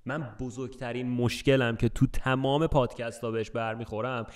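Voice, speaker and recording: A man's voice: medium pitch, fairly even intonation. A young man co-hosting a podcast in casual banter, arguing his points and explaining with examples. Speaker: podcast co-host.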